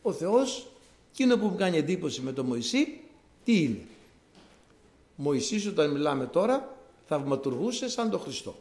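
Male preacher, animated and fairly high-pitched, explaining scripture with repetition, in an echoey church. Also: long pauses. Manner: explanatory, conversational, repeats key words for emphasis. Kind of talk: sermon.

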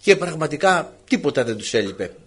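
Animated husky-voiced male preacher. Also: a little high. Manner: animated, playful, acts out the characters. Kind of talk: sermon.

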